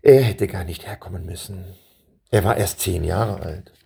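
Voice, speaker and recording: A man reading a children's story aloud in a calm manner and turning to address his young listeners. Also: low-pitched, moderate pace, creaky, husky.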